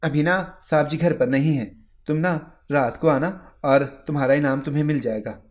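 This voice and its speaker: A man's voice: on the high side, close to an everyday voice. A man voicing a young housemaid in a story, speaking in an offhand way.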